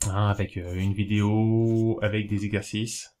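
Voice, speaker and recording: A man talking casually to camera, giving practical tips in a rambling, hesitant way, with many fillers and self-corrections, slowing down to spell things out. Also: lowish voice, flat delivery, mellow. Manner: explains slowly, spelling things out while writing. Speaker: video host giving learning tips.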